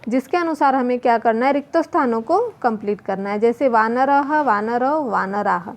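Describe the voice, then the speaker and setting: A woman with a high voice teaches a children's workbook lesson. She reads word lists slowly and drags each word out, then explains it in plain terms. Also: expressive. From India. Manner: slow, drawn-out word recitation.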